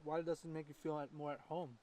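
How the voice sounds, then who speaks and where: Man vlogger, mid-high voice, thoughtful and halting, faint outdoor ambience behind. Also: level tone, a little mellow, slight background noise. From Sweden. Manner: reflective, hesitant, halting restarts. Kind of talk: casual chat. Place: countryside home, birds around.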